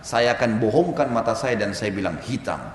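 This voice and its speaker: A preacher acting out a devoted male companion who will not be shaken, speaking in slow, firm, deliberate declarations. His voice rings in a big echoey hall, with the pitch rising and falling a lot. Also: animated, a little hiss or hum, lightly acted. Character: steadfast devoted male companion, calm and unshakable.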